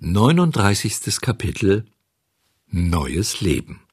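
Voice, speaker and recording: A man narrating a children's story as an audiobook, measured and expressive, on a close microphone. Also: sits low.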